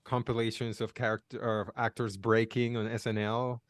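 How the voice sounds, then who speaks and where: A man's voice: mid-range voice, little pitch movement, moderate pace, no room sound. A man co-hosting a podcast in casual, wry, laid-back chat. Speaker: podcast co-host.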